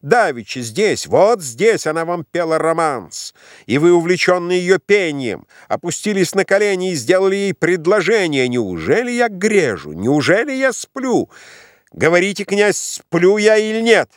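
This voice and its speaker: A man's voice: sits high, big pitch swings, measured pace, no room sound, clean studio sound, voice pushed up. Man voicing an indignant imperious matron. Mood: exasperated. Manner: demanding, exasperated, insistent. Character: indignant imperious middle-aged mother. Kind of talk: audiobook reading.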